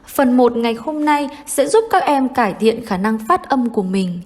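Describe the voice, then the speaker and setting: A young woman teaching an online English lesson with a Vietnamese accent, high in pitch. She speaks clearly and at a measured pace, in the manner of a teacher guiding young pupils. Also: darkish tone.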